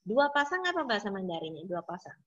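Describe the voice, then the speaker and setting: A woman's voice: mid-range voice, big pitch swings, quick pace, a bit bright. A woman teaching an online language class, explaining each word patiently and repeating drill words three times. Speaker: Mandarin teacher. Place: home, online video class. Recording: slightly dull lo-fi audio.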